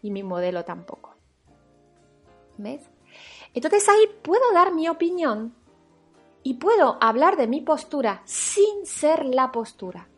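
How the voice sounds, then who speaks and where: A woman from France giving a reflective recorded talk as a spiritual teacher, animated, acting out her inner voices and checking in with the listener. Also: high voice, unhurried, pauses often, faint music behind.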